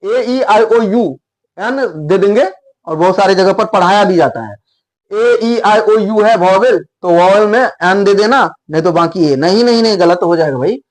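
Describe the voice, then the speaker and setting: A man with a fairly high voice teaches an English grammar lesson in Hindi. He explains step by step, spells letters out one by one and repeats his main points emphatically. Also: moderate pace.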